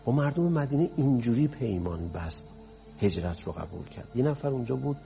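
A man's voice: mid-range voice, animated, creaky, mellow, soft background music. A man preaching a sermon, telling stories in a conversational way that rises to impassioned emphasis. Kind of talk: storytelling sermon.

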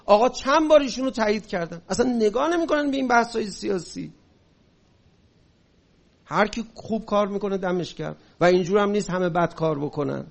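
High-pitched man giving a fiery lecture. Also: vocal fry. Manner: rises to forceful shouting on key points. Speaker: speaker. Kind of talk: impassioned religious-political lecture.

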